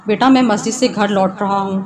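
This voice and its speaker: A woman voicing a remorseful, loving older father who speaks gently to his daughter. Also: mid-range voice, steady tone, crowd noise, lightly acted. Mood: tender. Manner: warm, apologetic. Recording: noisy background hiss.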